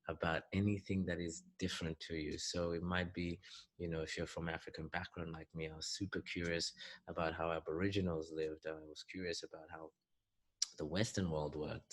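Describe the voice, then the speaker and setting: A man from Zambia, a business and leadership coach giving an earnest recorded message of advice to young people, repeating words for emphasis. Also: sits low. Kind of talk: recorded motivational message to youth.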